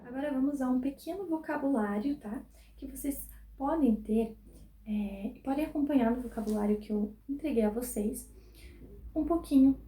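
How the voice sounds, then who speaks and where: A woman from Brazil teaching a recorded English lesson. Her slightly high, mellow voice explains things patiently and keeps checking in with her students. The sound is roomy and echoey, with faint noise behind it. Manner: clear, didactic, ends phrases with "tá?".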